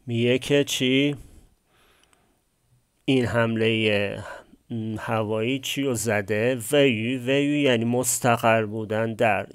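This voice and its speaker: A man's voice: medium pitch, clean tone. A man teaching a language class, explaining a text phrase by phrase and posing questions he then answers himself. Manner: asks and answers his own questions.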